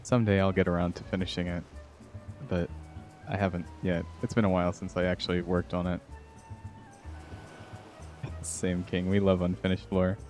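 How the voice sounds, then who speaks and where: A male game streamer with a low voice talks to viewers in a playful, chatty way. His delivery is casual and informal, and music plays behind him. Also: flat delivery, normal speed, pauses often, a little mellow. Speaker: livestreamer. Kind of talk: casual gaming livestream chat.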